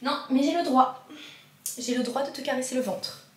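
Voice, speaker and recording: A woman vlogger with a high-pitched voice speaks at normal speed while filming a casual daily vlog in her home kitchen. She chats in a frazzled, self-mocking way and keeps talking to her cat, with the kitchen echoey and faint room noise audible.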